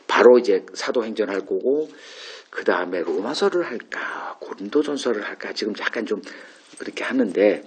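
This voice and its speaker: A man with a husky, slightly breathy voice delivers a conversational sermon as a pastor. He talks through a Bible passage in an informal, musing way, often asking rhetorical questions before answering them himself. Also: lowish voice.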